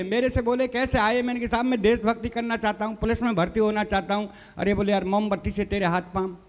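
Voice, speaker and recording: A high-pitched male comic poet, sounding as if he's in a big room, tells funny stories and verse on stage at a live poets' event. He acts out the dialogue and addresses listeners as "sahab".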